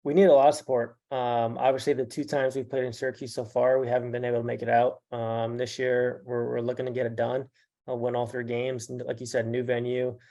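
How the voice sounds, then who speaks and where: A man who manages a basketball team, answering interview questions haltingly with many fillers. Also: mid-range voice, little pitch movement, dark tone. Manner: halting, with many ums and uhs.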